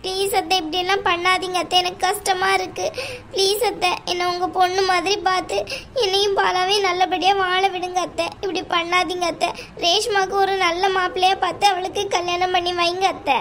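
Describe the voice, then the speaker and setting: A woman's voice: very high voice, flat delivery, brisk, a bit bright, a little hiss or hum. A woman voicing a young, newly married wife who pleads tearfully with her mother-in-law in an amateur audio drama. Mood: pleading.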